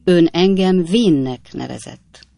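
A man voicing a fat aging gentleman who answers insults with wounded, dignified retorts. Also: fairly high pitch, creaky, dry recording. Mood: offended.

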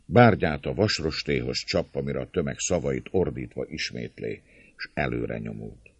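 A man narrating a classic novel as an audiobook, measured and storytelling. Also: extremely low pitch, gravelly, breathy edge, no room sound, dull audio.

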